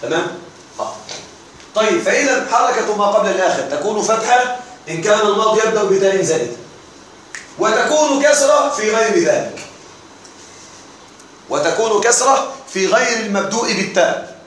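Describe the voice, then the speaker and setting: A man teaches a grammar lesson in a classroom, with a fairly high voice. He keeps quizzing the room and answering his own questions. The recording sounds distant and very echoey, with faint noise underneath. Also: expressive, brisk, long pauses, a bit bright. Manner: asks the class questions and answers them himself.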